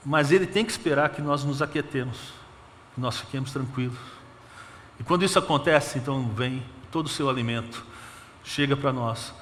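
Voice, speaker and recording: A man with a Brazilian Portuguese accent preaching a sermon as pastor, murmuring soft counts and building to emphatic appeals. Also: medium pitch, slight background noise. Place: church sanctuary. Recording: long church reverb with faint ambience.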